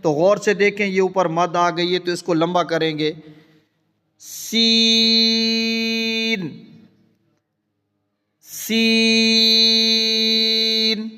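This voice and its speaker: High clear man teaching recitation, echoey. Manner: patient, explains then models each letter slowly. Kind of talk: step-by-step recitation lesson. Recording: long echoing reverb.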